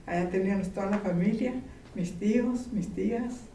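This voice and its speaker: A woman from Mexico, slowly and gently reminiscing in an interview. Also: medium pitch. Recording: roomy, distant, faint background noise.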